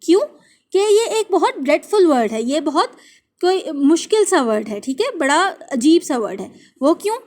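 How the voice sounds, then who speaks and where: A woman teaching English spelling, who slowly repeats each word and spells it out letter by letter. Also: high voice, big pitch swings, darkish tone. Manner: reads English verse lines slowly and deliberately. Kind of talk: classroom lesson explaining English spelling in Hindi.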